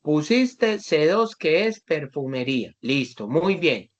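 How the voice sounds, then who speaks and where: Hombre, profesor, clase en línea, cuenta anécdotas con voces de alumnos, sonido apagado. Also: male voice, fairly high pitch, sing-song, slow, dull audio. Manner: patient, acts out students in anecdotes. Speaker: teacher. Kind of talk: online class, explaining to students.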